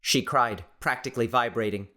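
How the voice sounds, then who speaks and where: Here a man narrates an audiobook of scripted fiction in a medium-pitched voice. The reading is dramatic in its phrasing, expressive yet measured.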